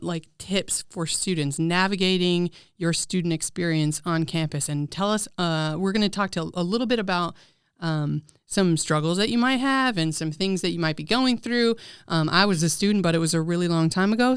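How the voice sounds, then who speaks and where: A woman's voice: on the low side, clean tone, dry recording, studio quality. Chatty woman podcast host. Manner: upbeat, chatty, with fillers. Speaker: podcast host, student life coordinator. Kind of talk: podcast hosting and interview.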